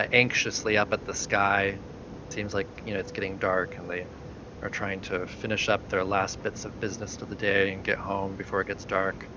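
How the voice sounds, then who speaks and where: A man's voice: fairly low pitch, muffled recording, noisy background. A man narrating a tabletop game as game master, hesitant and full of fillers.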